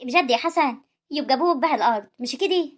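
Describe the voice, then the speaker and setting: A woman playing a sharp-tongued young village woman. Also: high voice, lively intonation, rapid-fire. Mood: suspicious. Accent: Egyptian. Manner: sharp, confrontational. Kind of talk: amateur village drama acting.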